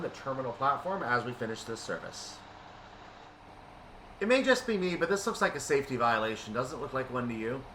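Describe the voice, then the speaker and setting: A bright, forceful male voice of medium pitch delivers methodical, explanatory commentary as he streams a train simulator, reasoning out loud. The recording is low quality with slight background noise.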